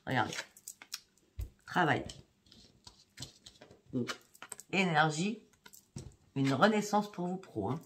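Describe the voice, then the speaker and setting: This tarot reader's low voice moves slowly, with frequent pauses, as she talks chattily to her viewers and regularly drops in "hein" and "d'accord." She's a psychic card reader, and the audio carries steady noise and clicks.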